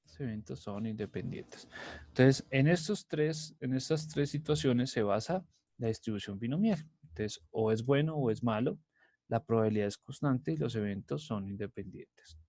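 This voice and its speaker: Male math lecturer from Colombia, mid-pitched, repetitive and patient, dry close sound. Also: expressive, moderate pace, dark tone, no room sound. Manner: repetitive, many "entonces" and "¿sí?" checks. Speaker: math and physics teacher. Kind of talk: recorded lecture.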